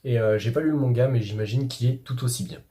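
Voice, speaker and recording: Chatty French man with mellow voice. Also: medium pitch, fast. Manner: chatty, self-congratulating, many fillers. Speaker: YouTuber playing a manga quiz. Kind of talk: casual quiz commentary.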